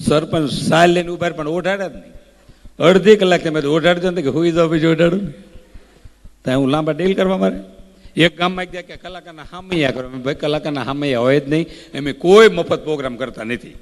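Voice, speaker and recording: A man's voice: fairly high pitch, brisk. A man doing folk stage comedy, telling rustic anecdotes that rise into oratorical bursts. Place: large hall at a community event. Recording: long hall reverb.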